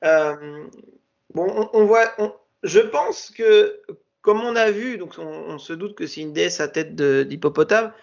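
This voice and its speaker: High, gravelly man, hesitant podcast chat. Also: measured pace, muffled recording. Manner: hesitant, many fillers and restarts. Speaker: podcast co-host. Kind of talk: casual chat.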